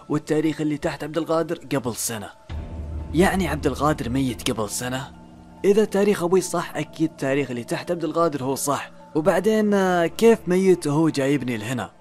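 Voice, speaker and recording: A man narrating a first-person horror story, building suspense with dramatic pauses and questions to himself. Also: fairly high pitch, darkish tone. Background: faint background music.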